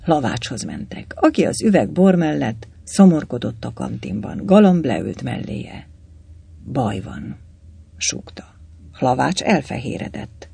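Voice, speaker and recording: Gravelly male audiobook narrator. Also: mid-range voice, no room sound. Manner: lively storytelling, switching into character voices. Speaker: audiobook reader. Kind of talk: novel narration.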